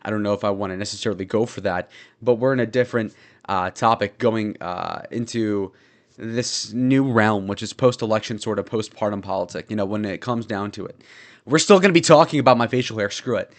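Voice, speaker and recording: A young man streaming, talking fast in a casual, rambling, sarcastic way as he reads chat comments. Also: on the low side. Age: young adult.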